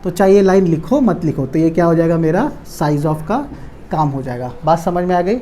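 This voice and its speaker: A man's voice: fairly high pitch, normal speed, warm tone, slight background noise. A man teaching a casual coding lesson, who keeps asking and answering his own questions and repeats the key words. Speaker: programming tutor.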